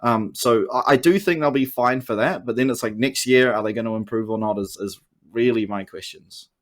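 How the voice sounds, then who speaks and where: Speaking briskly at a medium pitch, this New Zealand man explains his opinions at length. The podcast chat is casual but analytical, in the manner of an esports caster.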